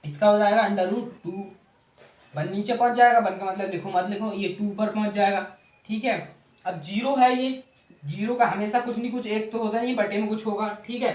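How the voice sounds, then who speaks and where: A man teaching mathematics in Hindi, walking through a table step by step, asking questions and answering them himself. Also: high voice. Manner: asks and answers his own questions, repeats steps. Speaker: math teacher. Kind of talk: classroom explanation of a trig table. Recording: echoey room.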